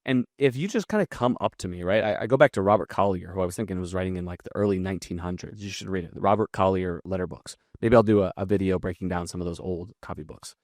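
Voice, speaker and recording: A low-voiced man talks quickly and bluntly, explaining marketing copy in a casual, unscripted way. He swears freely and keeps a brisk, energetic flow. The recording is close and dry, with no room sound. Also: no echo. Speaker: marketing and copywriting teacher. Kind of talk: casual screen-share breakdown.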